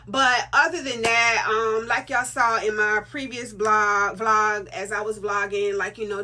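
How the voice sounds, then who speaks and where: A middle-aged woman talks straight to her viewers in a casual vlog. Her voice is bright and forward. She is emphatic and chatty, often repeating a point to drive it home. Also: mid-range voice. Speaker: vlogger.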